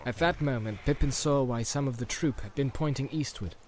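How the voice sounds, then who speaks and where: Male audiobook narrator, mid-pitched, measured and dramatic, noisy background hiss. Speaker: audiobook reader. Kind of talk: scripted fantasy narration.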